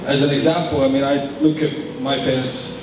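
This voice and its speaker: A man giving an informal wedding toast as best man, joking and chuckling through a halting delivery, recorded from afar in an echoey hall with guests around. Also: mid-range voice, level tone. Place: large reverberant room at wedding reception. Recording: echoey hall, far mic, audience noise. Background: wedding guests chattering and reacting.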